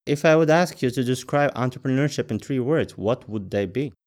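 Lively interviewer from Latvia. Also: medium pitch, brisk. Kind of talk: interview questions.

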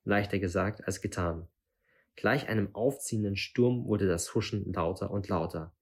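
A man reading a fantasy novel aloud in a measured, suspenseful way. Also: sits low, breathy edge. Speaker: audiobook reader.

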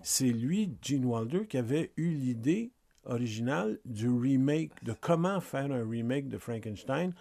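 A man with a Quebec French accent chats about films on a podcast, his voice gravelly and mellow. He hesitates and restarts often. The sound is dry and close. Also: medium pitch, lively intonation, a little slow, no room sound. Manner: hesitant, many restarts and fillers. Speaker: podcast co-host. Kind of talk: casual film discussion.

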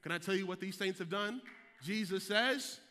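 Male pastor, high voice, impassioned sermon with rhythmic repeats and hallelujahs, jokes with the congregation, recorded in a reverberant sanctuary. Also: moderate pace. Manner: impassioned preaching that swings from hushed to shouting; rhythmic repetition with interjected hallelujahs. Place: church sanctuary. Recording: long hall reverb.

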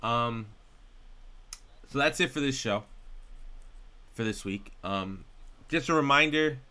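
Podcast guy rambling and hyped, swears a lot, bright edgy voice. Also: mid-range voice, slow, smooth. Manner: excitable, rambling, swears often. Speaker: podcast co-host. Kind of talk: casual chat.

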